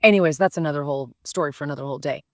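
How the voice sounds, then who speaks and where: A woman in her 50s hosts a podcast, recounting a personal story in a blunt, animated way laced with swearing. Her low voice races along, recorded with studio quality and no echo. The style is casual, profane, and emphatic.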